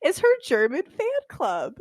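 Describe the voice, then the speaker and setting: A young woman co-hosting a casual podcast, chatting in an animated way and saying "like" a lot. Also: a little high, unhurried, dry recording, clean studio sound. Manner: animated, filler-heavy, lots of "like". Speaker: podcast co-host.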